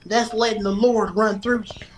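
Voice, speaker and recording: A woman of twenty from Louisiana, joking around on a livestream with a playful, bawdy manner and sudden shouted outbursts, recorded on a phone in a small bedroom. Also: medium pitch, flat delivery, moderate pace, poor audio. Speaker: livestream host. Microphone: phone camera at arm's length.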